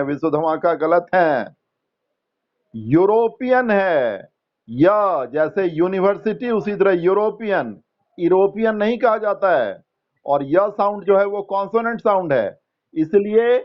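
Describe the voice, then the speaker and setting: Slow, patient male teacher quizzing students. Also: a little high, muffled recording. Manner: patient, questioning, explains step by step and quizzes students by name; mixes Hindi with English terms. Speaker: English teacher. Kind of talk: online class teaching grammar to students.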